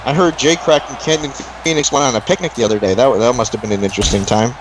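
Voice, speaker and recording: A man's voice: mid-range voice, fast talker, background noise. A man doing live play-by-play as a wrestling commentator, exclaiming at moves and counting near falls.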